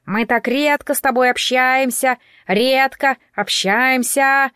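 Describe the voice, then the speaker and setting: A woman voicing a loud parrot that shrieks back overheard words in an audiobook. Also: high-pitched, fairly even intonation, slow pace, clean tone, no room sound, studio quality, pitched above the performer's own voice, heavily acted. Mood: screeching. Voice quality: screechy, shouting. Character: shrill mimicking parrot, loud and repetitive.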